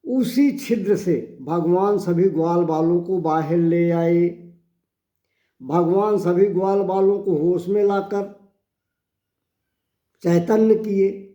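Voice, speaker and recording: A male devotional storyteller narrates slowly and reverently in a high, mellow voice. His voice rings with a roomy echo. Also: highs cut off.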